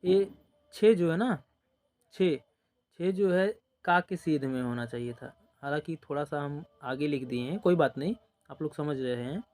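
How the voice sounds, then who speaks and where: This is slow classroom teaching from a man whose voice is fairly high and a little mellow. He covers a basic number-system lesson step by step, repeating numbers with patience, stretching his counts, and saying "dekhiye" and "ok" a lot.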